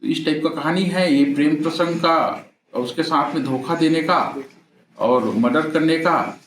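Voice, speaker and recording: A man's voice: a little high, fairly bright tone. Man briefing from an echoey distance. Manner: measured, halting account with frequent pauses. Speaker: police officer briefing the press. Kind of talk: press statement. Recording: echoey, distant mic, faint background noise.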